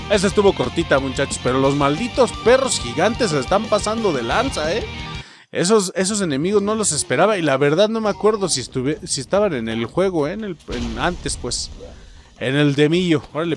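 A young Mexican man giving let's play commentary, excitable, yelling and swearing at the game. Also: on the high side. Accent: Mexican Spanish. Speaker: gaming channel host.

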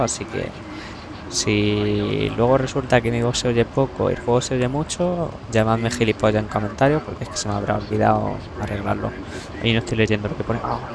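A man's voice: fairly low pitch, vocal fry, background noise. A young man from Spain giving casual let's-play commentary, chatty and self-mocking, swearing casually as he goes. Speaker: gameplay commentator. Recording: game music playing loudly behind.

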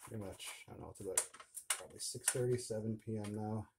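A middle-aged man with a Canadian accent, a DIY mechanic video host, chats fast and casually in a lowish, fairly even voice while working on a mini bike in his garage. He thinks aloud in a laid-back, colloquial way, and the garage recording is clearly noisy with clicks.

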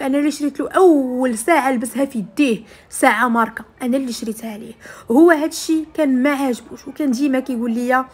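A woman's voice: high-pitched, darkish tone. A woman with a Moroccan accent telling a personal story in the first person, conversationally, speaking straight to her female listeners.

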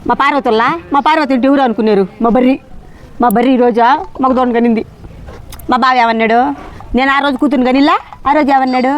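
A woman acting a hard-of-hearing village woman in a comedy sketch, who talks loudly in a high, sing-song rural manner and rambles off topic. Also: steady tone, fast talker, natural voice. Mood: tearful complaint.

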